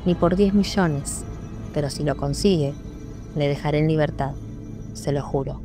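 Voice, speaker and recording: A woman voicing a grieving, vengeful man with a gun who speaks in a slow, hollow, lifeless tone. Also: low voice, music in the background, close to an everyday voice. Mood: menacing. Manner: slow, flat and menacing.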